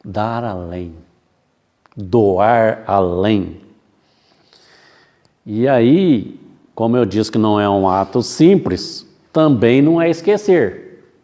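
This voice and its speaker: A man giving a spiritist sermon as a lecturer, reflective and slow, asking rhetorical questions and acting out short dialogues. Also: medium pitch, animated, warm tone. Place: spiritist center hall.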